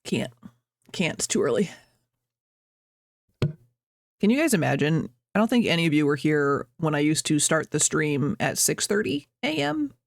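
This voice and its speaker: A woman's voice: low-pitched, sing-song, brisk, creaky, few pauses, no room sound, studio quality. A young adult woman streamer chatting casually at home, rambling, reading chat aloud and laughing often. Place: at home, birds outside.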